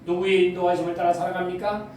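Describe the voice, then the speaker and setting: A man's voice: high voice, level tone, fast, darkish tone, a little hiss or hum. A male pastor preaching a sermon, asking the congregation questions as he goes. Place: church sanctuary. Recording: echoey church sound from far off.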